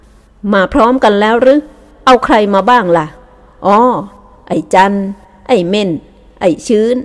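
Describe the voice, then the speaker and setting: A woman plays a burly young henchman with a rough, eager way of talking. He speaks slowly and loudly. It is an audiobook reading. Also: mid-range voice, natural voice.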